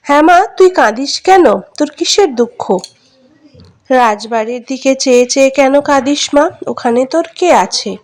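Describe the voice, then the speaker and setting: A woman's voice: sits high, measured pace, darkish tone. A woman voicing a devoted forest monkey in a storybook, earnest and coaxing. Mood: concerned.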